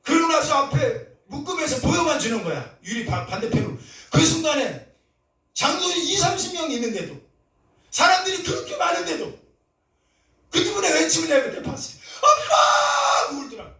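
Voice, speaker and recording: Man preaching, high lively voice, loud echoing church, heard from a distance. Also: a little fast. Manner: passionate, shifting between soft talk and shouted cries. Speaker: pastor. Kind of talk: sermon. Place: church sanctuary. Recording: roomy church echo, from a distance.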